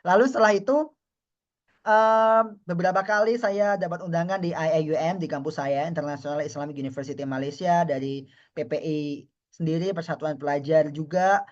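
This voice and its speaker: A man's voice: on the high side, fairly even intonation, a little fast, lo-fi sound. A man from Indonesia, a university lecturer, giving a friendly, chatty online webinar lecture and often addressing the audience as friends.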